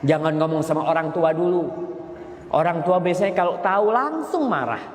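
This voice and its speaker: Animated preacher man in an echoey hall. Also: fairly high pitch, normal speed. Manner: animated, acts out quoted voices, addresses the congregation directly. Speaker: Islamic preacher. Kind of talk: sermon with storytelling. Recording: echoey hall with faint ambience.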